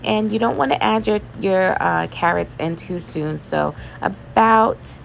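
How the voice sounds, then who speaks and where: A woman chatting casually as she cooks in her home kitchen, relaxed and loose, with laughs and fillers. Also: mid-range voice, unhurried, creaky, a little hiss or hum. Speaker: home cooking vlogger. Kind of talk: casual cooking voice-over.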